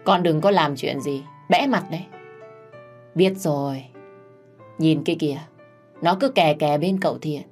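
Scheming middle-aged lady of the house, voiced by a woman reader, low cool tone, pointed remarks. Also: a little slow, long pauses, darkish tone, soft background music.

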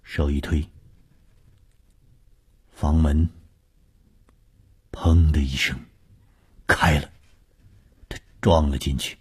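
A man narrating a scripted ghost story with a measured, suspenseful delivery. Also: extremely low pitch, fairly even intonation, breathy edge.

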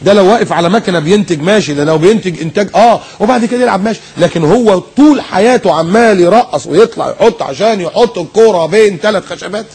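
A man with an Egyptian Arabic accent preaching a recorded sermon, animated and mocking, firing rhetorical questions and mimicking people. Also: sits high, fast, few pauses, husky.

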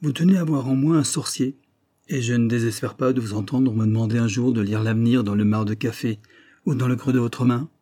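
A man's voice: medium pitch, fairly even intonation, brisk, warm tone, natural voice. A man reading the part of a composed, teasing male friend in an audiobook, his voice raised for the role.

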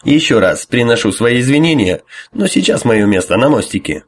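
A man's voice: medium pitch, very animated, moderate pace. A man voicing a restrained admiral who speaks with formal, strained courtesy. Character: restrained middle-aged male admiral, tense and polite.

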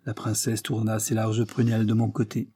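A man narrating a classic novel as an audiobook with steady storytelling. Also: lowish voice, normal speed, husky, no echo, studio quality.

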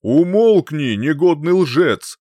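A man playing a calm, wise old singer-sorcerer who speaks slowly and with quiet scorn. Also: mid-range voice, dry recording. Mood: angry. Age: older. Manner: slow, measured, scornful.

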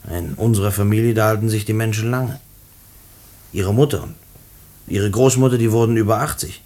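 With a warm, lowish voice, an actor lightly plays a stubborn, earnest condemned prisoner in a German radio drama. The man explains things earnestly, pleading in halting speech and frequently repeating his words.

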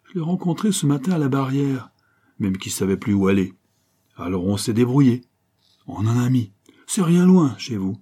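A man's voice: medium pitch, big pitch swings, normal speed, warm tone, slightly rough, voice pushed up. A man voicing a bold, streetwise street urchin boy with slangy, boastful patter. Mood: cocky.

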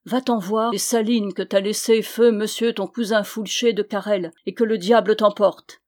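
A woman reading the lines of a blustering, swearing medieval knight, loud and exclamatory. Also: medium pitch, steady tone, moderate pace, natural voice.

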